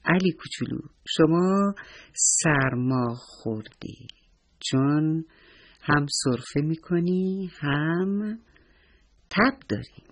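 A man voicing a kind, patient doctor who talks slowly and reassuringly. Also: fairly high pitch. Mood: kindly. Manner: slow, reassuring. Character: kind middle-aged male doctor, warm and patient.

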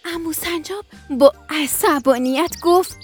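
A woman narrating a bedtime story for children on a radio show, in a gentle, sing-song way with small fillers. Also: high voice, faint music behind.

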